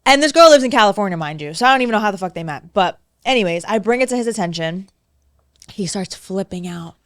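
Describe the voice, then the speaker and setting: A woman in her twenties from New York tells a long, messy story on a casual podcast, slipping into other people's voices for the quotes. Her voice is smooth and clear, at a middling pitch. It is recorded close on a dry mic with no room sound. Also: expressive, fast talker, dry recording. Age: 20s. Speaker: podcast co-host.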